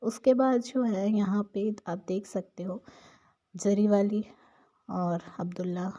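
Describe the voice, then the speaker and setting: A woman's voice: mid-range voice, steady tone, takes it slowly, mellow. A woman narrating a casual, opinionated recap of a TV show episode in a chatty storytelling manner.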